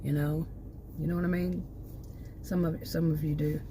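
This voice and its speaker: Hosting her own channel, a sixty-something woman delivers a rambling monologue, frequently stopping to pick up her train of thought. She's slightly hoarse from losing her voice, low-pitched and flat, speaking at a moderate pace against a noisy background.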